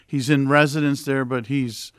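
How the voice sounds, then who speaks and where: A man's voice: mid-range voice, fairly even intonation, moderate pace, smooth, no echo. Male radio co-host, dry close sound. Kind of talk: casual radio talk.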